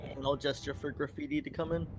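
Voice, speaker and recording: A man's voice: fairly high pitch, flat delivery, fast talker, over music. A man playing a tabletop role-playing game, casually describing what his character does. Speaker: player. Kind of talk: tabletop role-play chat.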